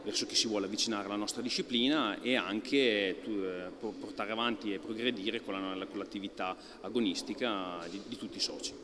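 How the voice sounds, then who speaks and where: A man in his thirties, an archery club president, giving an interview in an indoor archery hall, talking with many fillers and pauses. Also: on the low side, noisy background. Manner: thoughtful, halting, many fillers. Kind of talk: on-camera interview.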